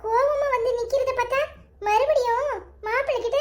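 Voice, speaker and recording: A woman's voice: very high voice, fairly even intonation, normal speed. A woman voicing an older village mother who prays, frets over her daughter and coos over her grandson in a cartoon story. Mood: fussing. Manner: scolding, fussy village talk.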